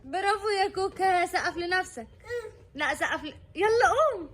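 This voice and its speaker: A young woman with an Egyptian accent talks to her baby in a sing-song, encouraging way. Her voice sits high and sounds bright and clear. She is filming at home in a kitchen area. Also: lively intonation, moderate pace, slight background noise. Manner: coaxing, sing-song encouragement with frequent laughter. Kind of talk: home video chat with her children.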